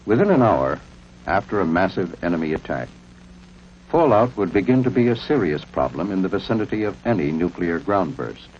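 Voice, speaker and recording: Male American narrator for 1950s instructional film, low voice, strongly varied intonation, authoritative, on muffled old soundtrack. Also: very animated, brisk, darkish tone, a little hiss or hum. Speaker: documentary narrator. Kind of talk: 1950s civil defense film narration, scripted.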